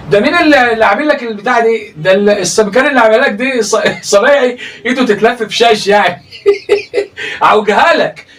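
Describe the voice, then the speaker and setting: A man's voice: sits high, a little fast, a bit bright, distant mic. A man with an Egyptian accent giving teasing comedic commentary on a livestream, laughing often and breaking into exclamations. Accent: Egyptian Arabic. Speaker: comedic reaction host. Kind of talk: mocking reaction commentary on a livestream.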